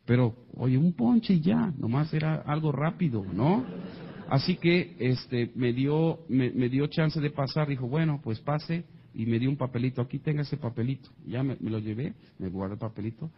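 A man tells an audience a comic story from his life, animatedly doing the voices of the people in it. He has a Mexican accent and a medium-pitched voice at a moderate pace, heard through dull audio.

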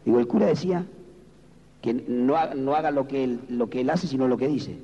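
Husky Argentine preacher in a big hall. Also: male voice, a little fast. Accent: Rioplatense Spanish. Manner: animated preaching, shifts from low intimate talk to high shouted exclamations. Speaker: pastor. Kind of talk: evangelical sermon. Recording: dull lo-fi sound with long hall reverb.

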